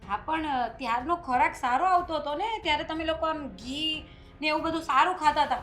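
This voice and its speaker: An actress playing a meek daughter-in-law who hesitantly tries to calm her strict mother-in-law. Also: sits high, brisk, soft background music. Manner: hesitant, soft, placating. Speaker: actor in a short film. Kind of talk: family drama acting.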